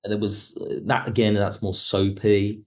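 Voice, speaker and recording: Speaking with a lowish voice and a flat delivery at moderate speed, a man appears as a guest in a relaxed interview. He is a writer and director who talks about his work with enthusiasm and reflection.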